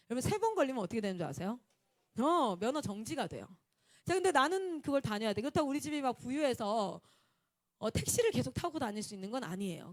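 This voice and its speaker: A woman missionary, preaching a Sunday sermon and telling personal stories in a lively way. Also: on the high side, no room sound, clean studio sound. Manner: animated, acts out quotes and laughs often.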